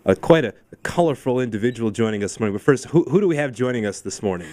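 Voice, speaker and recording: Casting: male radio host, medium pitch, conversational interviewer. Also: lively intonation, very fast, a little mellow. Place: radio studio. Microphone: studio microphone.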